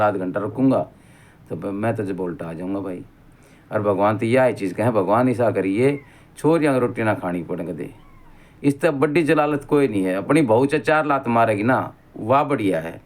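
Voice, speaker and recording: Rambling middle-aged Haryanvi man. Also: mid-range voice. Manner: rambling storyteller, keeps saying "bhai". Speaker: vlogger. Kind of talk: casual spoken monologue.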